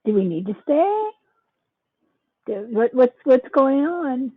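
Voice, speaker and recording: A woman's voice: sits high, very animated, slow, breathy edge. A woman chatting casually as a player in a tabletop fantasy game, tentative and repeating words. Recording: muffled, phone-like narrow band.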